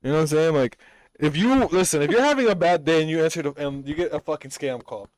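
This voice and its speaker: A man's voice: fairly high pitch, quick pace, a little mellow. Blunt, foul-mouthed man on a podcast. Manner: blunt, heavy swearing. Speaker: podcast co-host. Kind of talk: casual podcast chat.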